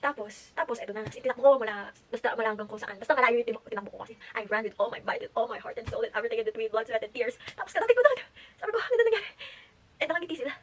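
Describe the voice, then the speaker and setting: Chatty fast-talking teen girl. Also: a little high, slight background noise, poor audio. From Philippines. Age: late teens. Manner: chatty, animated, mixes English into Tagalog. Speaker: vlogger. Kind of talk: casual storytelling vlog. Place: at home.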